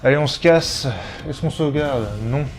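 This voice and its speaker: A man's voice: on the high side, normal speed, soft background music. A man giving casual video game commentary, thinking aloud as he plays. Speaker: let's player.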